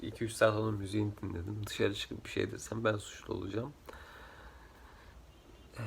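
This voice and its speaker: Drowsy guy vlogging, croaky just woke up voice, rambles, trips on l and r, some background noise. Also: on the low side. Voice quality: trouble pronouncing L and R sounds. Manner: sleepy, rambling, jumps between topics. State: drowsy, rough just-woken voice. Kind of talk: casual chat vlog.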